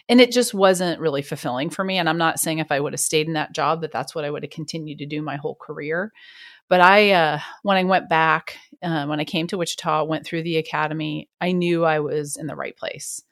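A middle-aged woman, a retired police detective, talks through her career in a chatty, candid interview style. Her voice sits low for a woman. The recording is dry and close, with no room around it. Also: no room sound. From New York. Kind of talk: casual interview conversation.

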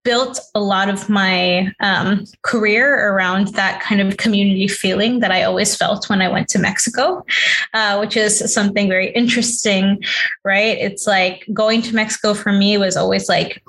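A woman's voice: mid-range voice, fairly even intonation, moderate pace, fairly bright tone. A young woman from New City, chatting as a podcast guest with many fillers. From New York City. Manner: chatty, lots of fillers and likes. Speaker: guest, author. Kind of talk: casual interview.

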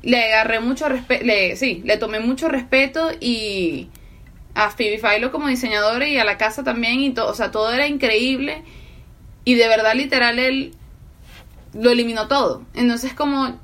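A woman with a notably high voice chatting casually. She keeps looping back with fillers and restarts, full of enthusiasm for the subject. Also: moderate pace, fairly bright tone. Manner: chatty, fillers like "o sea" and "literal". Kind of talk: casual chat about fashion.

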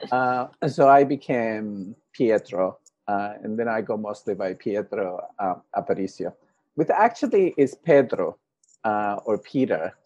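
A middle-aged man from Honduras, telling his story as a panel guest in a casual interview, pausing often with fillers and clearing his throat. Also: fairly low pitch, animated, darkish tone, dull audio.

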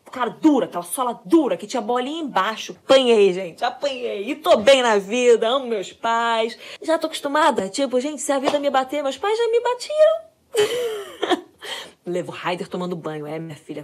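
A young woman, a mother, chatting fast and animatedly to viewers about raising her children. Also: medium pitch. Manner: fast, animated, self-described fast talker. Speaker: mother giving parenting advice. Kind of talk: casual chat to viewers.

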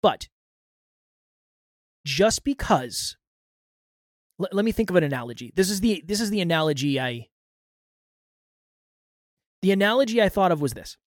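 A man with a slightly high voice speaks as a podcast host in an earnest, life-coach manner. His delivery is explanatory and motivational, and the recording is close and dry. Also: sing-song, moderate pace, pauses often, no room sound. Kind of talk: motivational self-improvement podcast talk.

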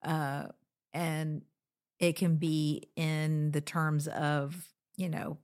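A woman's voice: sits low, flat delivery, drawn-out words, darkish tone. A middle-aged woman co-hosting a casual, reflective conversation, with frequent conversational asides. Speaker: co-host of a marriage show.

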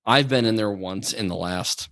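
A man's voice: lowish voice, fairly bright tone, no room sound. A man who flies for a living, chatting casually and walking through radio calls in plain steps. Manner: explains fast, in plain steps. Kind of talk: casual chat.

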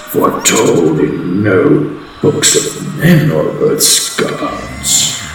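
An actor playing a proud mystic climber descending into terror, declaiming in drawn-out theatrical cries for a gothic horror radio drama. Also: male voice, fairly low pitch, exaggerated voice. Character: Barzai the Wise, proud mystic climber turning terrified, crying out. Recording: cavernous echo, distant voice, music behind.

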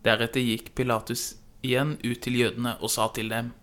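A man narrating a dramatic scripture reading in a measured, expressive way. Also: mid-range voice. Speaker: scripture reader.

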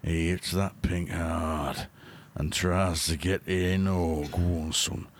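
A man's voice: fairly even intonation, slow, exaggerated voice. Man putting on a cheeky Yorkshire snooker commentator. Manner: cheeky double-entendre, lowered voice. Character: crude male snooker commentator with a Yorkshire accent.

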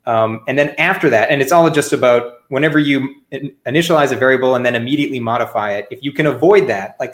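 Man hosting a podcast in big echo. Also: medium pitch. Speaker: podcast host. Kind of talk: podcast introduction and casual interview. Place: echoey new apartment. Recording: echoey apartment room, big-hall echo, faint music.

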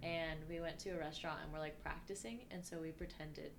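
Lower-voiced woman podcast host. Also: fairly even intonation, brisk, gravelly, noisy background. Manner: easygoing, prompting questions. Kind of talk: casual chat.

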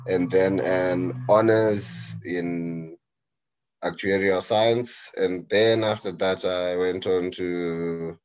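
This podcast guest, a man in his thirties with a Zimbabwean accent who works as an actuary, talks about himself in a relaxed interview. He speaks very slowly in a low, darkish, fairly even voice, and the recording is rough.

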